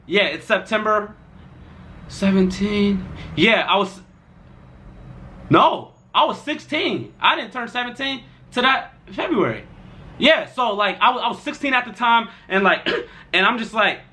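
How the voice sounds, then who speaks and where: A young man tells a rambling storytime tale in a loose, slang-heavy way. His voice sits high and sounds bright and lively. He keeps circling back with fillers as he goes. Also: unhurried. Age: young adult. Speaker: storytime vlogger. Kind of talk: casual storytime.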